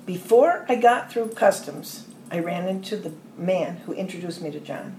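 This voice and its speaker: An older American woman, a podcast interview guest, telling long rambling stories with soft trailing asides. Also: on the low side, lively intonation, normal speed. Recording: roomy echo with faint ambient noise.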